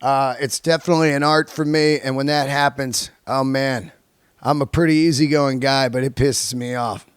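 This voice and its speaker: Hosting his podcast, a stand-up comedian in his early fifties chats with listeners in an easygoing, slang-heavy, profane manner. His mid-range voice keeps a fairly even intonation at a moderate pace, and the tone is clean. There's no room sound, just a clean studio recording.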